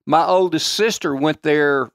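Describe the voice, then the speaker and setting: A man's voice: fairly high pitch, unhurried, clear, resonant tone, no room sound, clean studio sound. A man with a rural Arkansas country accent, reminiscing unhurriedly in a podcast chat.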